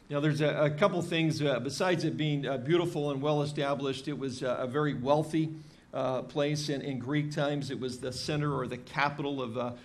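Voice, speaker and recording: A pastor in his fifties preaching a verse-by-verse sermon from a church lectern, conversational, with frequent pauses and restarts. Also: mid-range voice, slight background noise. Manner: conversational, many fillers and restarts. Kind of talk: expository sermon. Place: church stage with drum kit behind.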